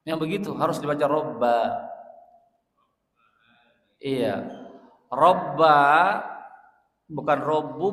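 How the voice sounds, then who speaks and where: Male preacher, slow and deliberate, fairly high voice, chants invocations, recorded in a reverberant hall. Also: a bit bright. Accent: Indonesian. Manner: slow, drawn-out explaining with repeated "ya" and "Pak" to the congregation; chants Arabic phrases slowly and rises in force on invocations. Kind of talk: mosque study-circle sermon. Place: mosque hall.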